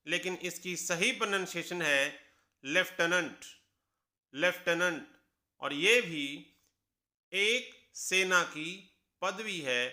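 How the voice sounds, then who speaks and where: A man, teaching pronunciation at an unhurried pace. His voice is high and very bright. He spells each word out one letter at a time, then repeats the correct pronunciation twice. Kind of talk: slow, deliberate classroom explanation.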